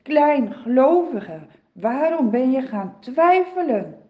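Een kalme, gezaghebbende meester die rustig en stellig geruststelt, door een vertelster gesproken. Hij spreekt langzaam, en de opname is wat dof. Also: female voice, sits high, sing-song, slow pace, lo-fi sound, heavily acted. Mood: reassuring. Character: calm, commanding male teacher Jesus.

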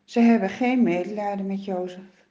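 A woman telling a children's Bible story in a slow, expressive way, with dramatic rises and falls. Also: mid-range voice. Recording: roomy, dull lo-fi sound.

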